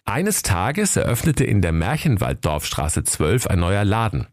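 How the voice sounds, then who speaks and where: A man's voice: on the low side, sing-song, a little slow, dry recording, clean studio sound. A man narrating a comedic, parodied fairy tale in a playful storytelling manner.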